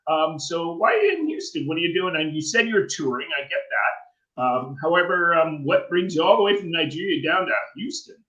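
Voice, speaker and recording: A man's voice: fairly high pitch, very animated, brisk, pushed and bright, lo-fi sound. A man co-hosting a radio talk show, asking the guest long, curious questions. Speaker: radio co-host. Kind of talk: casual radio interview. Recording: echoey room.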